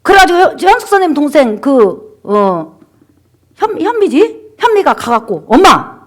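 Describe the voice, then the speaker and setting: With a high voice that swings widely in pitch, a woman pastor preaches at a moderate pace and shares a testimony. She exhorts the congregation, calls for amens, asks them rhetorical questions, and acts out the people in her stories.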